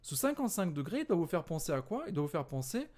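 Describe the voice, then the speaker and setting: A man walking through an exam answer key in a casual, conversational way, often correcting himself and filling pauses, tired from working late at night. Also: a little high, sing-song, darkish tone. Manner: conversational, many fillers and self-corrections. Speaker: physics teacher.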